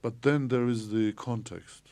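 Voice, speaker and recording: Podcast guest: man from Turkey, theologian, gravelly mellow voice, measured explainer. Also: mid-range voice, steady tone. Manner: measured, explanatory, frequent hesitations. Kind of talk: podcast interview.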